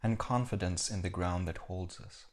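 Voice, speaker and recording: Here a meditation teacher with a deep voice leads the session, keeping his tone calm and his phrases brief and measured, pausing between them.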